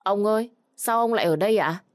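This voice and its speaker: A little girl of about nine, sweet and pleading, played by a woman reading the story aloud. She talks in a small, childlike way, and the voice is still fairly low for a child. It is recorded close and dry. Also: normal speed, no room sound, lightly acted.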